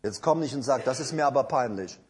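A man preaching a sermon, emphatic and repetitive, speaking straight to his listeners and swinging between loud declarations and low asides. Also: animated, fast talker.

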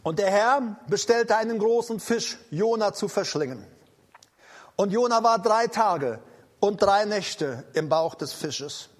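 A man preaching a charismatic sermon, proclaiming in declarative repetitions and slow, emphatic commands. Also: high voice, animated.

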